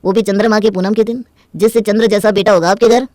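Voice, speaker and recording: A woman plays a smug male astrologer priest in a storybook drama. He gives instructions in a self-assured, fast manner at a mid pitch, recorded dry and close. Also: steady tone, darkish tone, no echo, close to an everyday voice.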